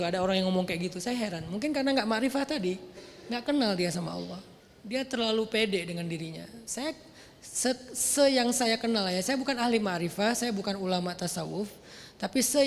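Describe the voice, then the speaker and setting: A man preaching a casual sermon, animated and slangy, acting out quotes. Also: high voice, a little hiss or hum. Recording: long hall reverb.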